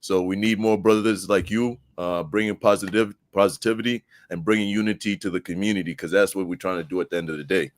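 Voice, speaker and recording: A man's voice: sits low, fast, few pauses, dry recording, clean studio sound. A man from Zambia, a guest debater on a live stream, talking casually with lots of fillers and restarts. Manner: relaxed, many fillers and restarts.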